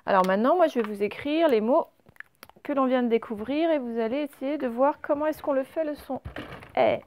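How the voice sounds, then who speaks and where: A woman with a French accent, a primary school teacher giving a slow, patient spelling lesson to young pupils and stretching out the example words. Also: high voice, a little mellow, slight background noise.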